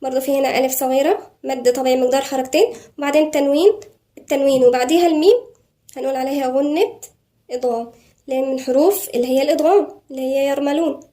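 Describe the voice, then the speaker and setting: A woman with an Egyptian accent, a Quran recitation teacher giving a tajweed lesson, who explains quickly and then slowly draws out each word as a model. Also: sits high, dark tone. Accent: Egyptian Arabic. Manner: brisk explanations broken by slow, drawn-out model recitation.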